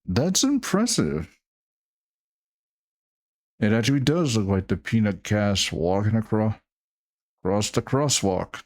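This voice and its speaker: A man giving casual reaction commentary in a halting way, often repeating his words and phrases. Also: fairly low pitch, a little mellow.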